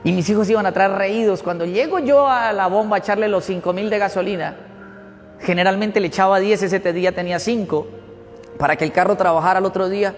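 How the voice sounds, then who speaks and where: High-voiced pastor preaching. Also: male voice, a little fast, faint music behind. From Colombia. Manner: animated storytelling, swings from loud to hushed. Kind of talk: sermon. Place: church hall. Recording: church hall reverb with faint room noise.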